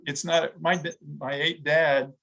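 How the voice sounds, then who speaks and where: A middle-aged man, a guest in an interview, talking reflectively with frequent pauses, fillers and restarts. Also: fairly high pitch, flat delivery, vocal fry, fairly bright tone, poor audio. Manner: halting, thoughtful, many restarts and fillers. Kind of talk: reflective conversation.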